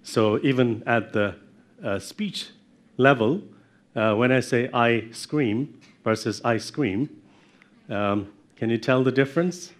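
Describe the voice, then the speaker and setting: A man's voice: medium pitch, unhurried. A middle-aged man giving a university lecture, explaining step by step and putting questions to his audience in a lecture room.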